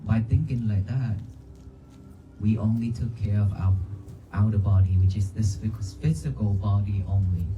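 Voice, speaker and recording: Monk w/ vietnamese accent talking to a crowd, lowish voice, music going behind him. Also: male voice, moderate pace, dark tone, muffled recording. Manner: short phrases, asks the crowd questions. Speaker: Buddhist monk giving a talk. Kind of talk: dharma talk to a crowd. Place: outdoors by a church cemetery.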